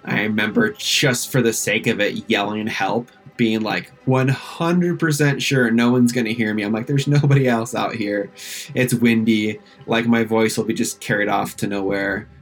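A man's voice: lowish voice, steady tone, normal speed, few pauses, fairly bright tone. Chatty man recalling a close call. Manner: chatty and self-deprecating, many "like" fillers. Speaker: interviewee recounting his accident. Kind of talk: casual first-person recollection. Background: faint music.

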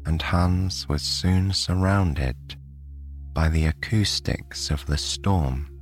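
A British man from the United Kingdom narrating a bedtime sleep story in a soft, soothing way. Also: low-pitched, slow pace, soft background music.

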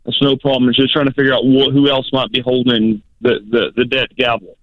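A man calling in to a radio advice show over the phone, hesitant and halting, politely saying sir and ma'am. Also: mid-range voice, flat delivery, dry recording. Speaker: caller. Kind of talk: casual call-in chat. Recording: tinny dry phone line.

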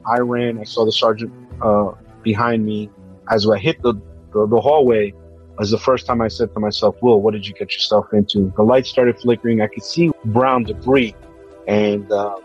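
A man with a fairly low voice tells his story as testimony, stopping and restarting often. The sound is slightly dull and lo-fi, with faint music under him. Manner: halting, with frequent fillers and restarts. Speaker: police officer recalling a disaster. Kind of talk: recounted personal testimony.

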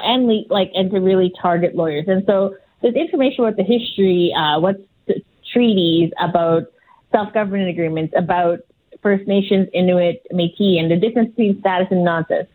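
A woman's voice: mid-range voice, a little mellow, low-quality recording. Woman guest explaining a law-school-style course, earnest, lots of restarts, mid voice. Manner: earnest, searching for words with frequent restarts and light laughs. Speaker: legal director, interview guest. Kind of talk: interview answers.

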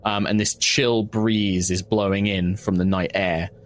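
A man narrating a tabletop game as game master, describing scenes in a measured, halting way. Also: low-pitched, little pitch movement, slight background noise.

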